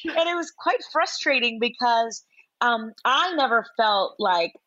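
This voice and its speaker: A woman's voice: a little high, a little slow, dry recording. Venezuelan chef lady in her 40s, chatty and giggly, dry muffled sound. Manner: animated, laughs often, many fillers. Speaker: chef guest. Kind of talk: casual interview chat.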